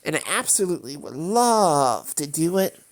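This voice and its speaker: Here a woman with a low voice, wide pitch swings and a moderate pace chats over her gameplay as a gaming channel host. She sounds stuffed up and nasal from allergies, drifting along casually with many fillers and frequent self-corrections.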